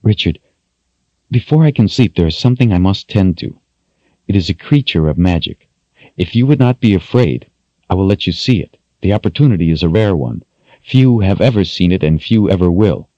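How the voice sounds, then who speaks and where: A man voicing a young woman who speaks calmly and formally, lifting his pitch a little. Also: moderate pace, dry recording, lo-fi sound. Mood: solemn. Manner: calm, formal. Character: steady, solemn young woman traveler.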